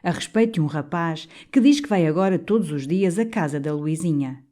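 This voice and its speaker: A woman voicing a slow, gossipy elderly countrywoman with a small drawling voice and a Minho accent, in an audiobook. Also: on the low side, lively intonation, mellow, lightly acted. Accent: Minho, northern Portugal.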